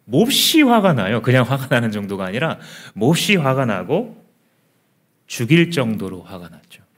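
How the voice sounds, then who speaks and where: A man's voice: mid-range voice, sing-song, normal speed. A male pastor preaching a sermon in an earnest, conversational way, often asking the congregation questions.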